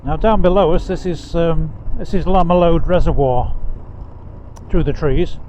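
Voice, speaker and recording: A man gives casual, chatty, unhurried travel commentary like a tour guide while riding a motorcycle, his voice enclosed in a helmet. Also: on the high side, mellow. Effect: muffled inside a motorcycle helmet. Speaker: motorcycle vlogger giving a ride tour. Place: outdoors, riding a motorcycle on country roads. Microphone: microphone inside a helmet. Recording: dull helmet-mic sound with engine and wind noise. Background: motorcycle engine and road noise.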